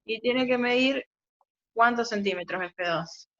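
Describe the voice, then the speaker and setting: A woman's voice: a little high, measured pace, fairly bright tone. A woman teaching a physics class over a video call, explaining step by step and often checking in with the students. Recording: muffled video-call audio, faint noise.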